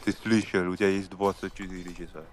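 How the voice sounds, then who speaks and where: A man's voice: sits low, level tone, quick pace, heavy background noise, close to an everyday voice. A man playing a menacing kidnapper issuing demands in a comic skit.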